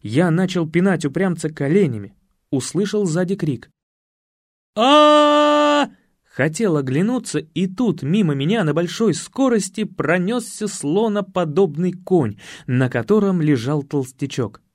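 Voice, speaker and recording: A man reading a comic story aloud, his voice rising and falling with expression. The recording is close and dry, with a slightly higher than usual pitch. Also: expressive, moderate pace, warm tone, no room sound. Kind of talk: audiobook narration.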